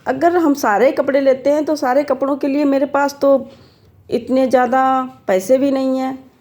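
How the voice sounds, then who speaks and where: A well-off horseman from a village folk tale, used to giving orders, as a woman storyteller plays him. His voice sits fairly high and speaks with easy command. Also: fairly even intonation, moderate pace, darkish tone, lightly acted. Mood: bossy. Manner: commanding, familiar address. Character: wealthy man on horseback, bossy.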